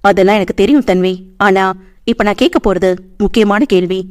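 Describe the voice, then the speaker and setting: A woman's voice: medium pitch, moderate pace, natural voice. A woman voicing an anxious young man, a boss who stammers and pleads, in a storybook reading. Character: anxious young male boss, tender and hot-tempered.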